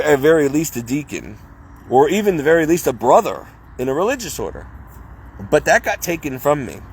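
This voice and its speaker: A man's voice: fairly high pitch, a little hiss or hum, rough recording. A man vlogging outdoors in the cold, talking zealously and in a rambling way that keeps interrupting itself, and chilled from being out for hours. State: freezing cold. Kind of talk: casual religious vlog monologue.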